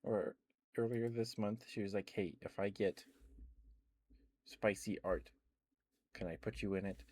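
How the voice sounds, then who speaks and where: Hosting a casual ASMR stream, a man with a fairly low, slightly mellow voice talks a little slowly and close to the mic in a loose, rambling way. He speaks to his viewers affectionately, often using pet names, with slight background noise audible.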